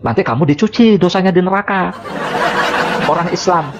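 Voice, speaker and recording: A man with a fairly high voice talks in a loose, chatty way on a live stream. He keeps a mocking edge and chuckles between phrases. Steady background ambience hisses clearly under his voice. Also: moderate pace, muffled recording. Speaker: live-stream religious debater. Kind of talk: casual live-stream talk.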